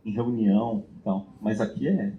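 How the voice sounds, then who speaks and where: A man's voice: fairly low pitch, normal speed, dull audio. A man sharing a personal story in a group meeting, reflective and casual, with frequent filler tags and restarts. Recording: roomy echo.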